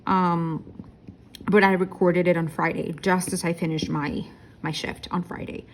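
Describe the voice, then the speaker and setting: Working on her diamond painting, a tired woman in her thirties yawns through a casual vlog chat, wandering off with fillers and self-corrections. She speaks unhurriedly in a lowish voice with a level tone.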